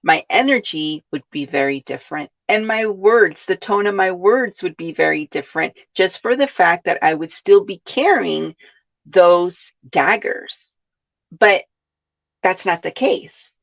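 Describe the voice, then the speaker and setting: A Californian woman hosts a reflective self-help podcast, frequently posing questions to listeners and tacking on "right?". Her voice is on the low side, gravelly and expressive, with a measured pace. The recording sounds dull and lo-fi.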